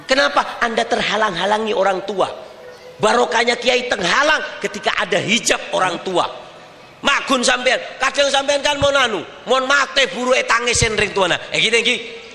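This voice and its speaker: Speaking with a Madurese accent, a man delivers a lively sermon to a women's gathering, talking emphatically and repeatedly putting rhetorical questions to the crowd. His voice is very high and gravelly at a moderate pace, and the echoey, reverberant hall carries slight background noise.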